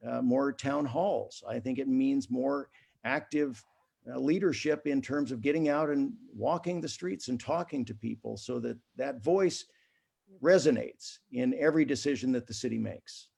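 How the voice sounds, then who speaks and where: A man running for office answers a forum question over a video call. His voice is gravelly, and he talks earnestly, often restarting his sentences. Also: mid-range voice, normal speed, darkish tone. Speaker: mayoral candidate.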